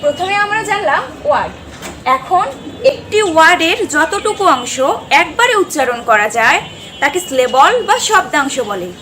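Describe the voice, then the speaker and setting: A woman's voice: high-pitched, sing-song, normal speed, sharp tone, slight background noise. A woman teaching an online grammar lesson, methodically defining each term and then giving examples. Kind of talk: structured lesson explanation.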